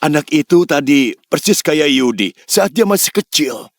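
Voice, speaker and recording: An excitable, curious older gentleman. His pitch swings in a lively way. The dub is close and dry. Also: moderate pace, no echo. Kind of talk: dubbed short drama.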